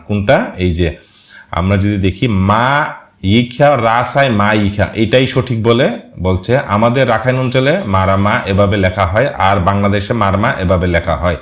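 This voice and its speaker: A man reading viewer comments aloud in casual commentary, pausing often and spelling words out syllable by syllable. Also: lowish voice. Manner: reads slowly, spells out words syllable by syllable, frequent hesitations.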